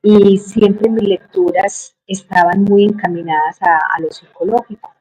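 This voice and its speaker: A middle-aged woman with a Colombian Spanish accent recounts her life story as an interview guest, reflective and unhurried with many hesitations. Her mid-range voice is steady and warm, though the recording is rough.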